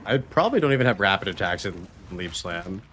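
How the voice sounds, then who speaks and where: A man's voice: low voice, animated, a little fast. A man live-streaming a game and chatting casually as host, in informal gamer slang. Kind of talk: casual live-stream chat over gameplay. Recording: faint background noise. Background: quiet game sounds and voices.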